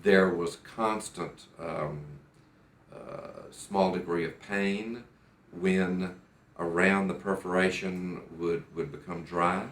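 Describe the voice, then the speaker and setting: A very low-voiced man from the United States gives a personal testimonial as a patient, speaking deliberately and carefully with fairly even intonation. He often circles back to restart a thought. The recording was made in a doctor's office, and the room is noticeably echoey.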